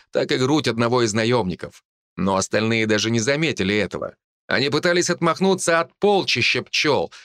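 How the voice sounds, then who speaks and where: Expressive man reading a fantasy story. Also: mid-range voice, no echo, clean studio sound. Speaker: narrator. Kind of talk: audiobook narration.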